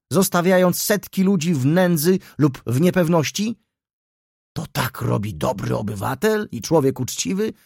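A man's voice: medium pitch, no room sound, studio quality, lightly acted. A man voicing an indignant older male councillor who fires off heated rhetorical questions, in an audiobook reading.

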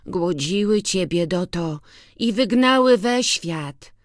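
A narrator voicing a young farm boy who speaks in high, eager exclamations, in an audiobook. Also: expressive, slow, no echo, clean studio sound. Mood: tender. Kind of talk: audiobook reading.

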